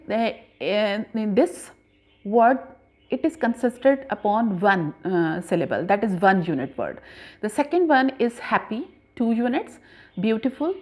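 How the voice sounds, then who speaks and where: Patient woman teaching grammar, fairly high. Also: a little mellow. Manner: patient, spells words out letter by letter, frequent "uh" fillers. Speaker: English teacher. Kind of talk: classroom grammar lesson.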